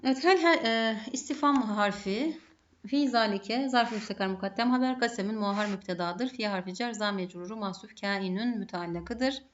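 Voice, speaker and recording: A woman's voice: medium pitch, normal speed, highs cut off. Methodical Turkish woman teaching grammar. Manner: methodical, poses and answers her own questions. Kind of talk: grammar lesson.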